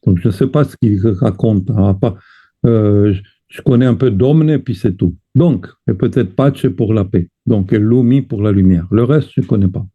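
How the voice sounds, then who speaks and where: A man teaching a chant lesson, explaining slowly and carefully and breaking off to sing short chant phrases. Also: fairly low pitch, breathy edge. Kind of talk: teaching lesson with sung examples. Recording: tinny phone-like sound.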